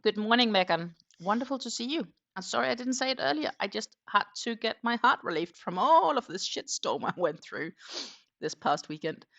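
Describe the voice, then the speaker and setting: A middle-aged woman whose first language isn't German hosts a crochet livestream, chatting and rambling about her weekend with lots of ums. Her voice sits on the high side, expressive and a bit bright, at a normal speed, with the highs cut off.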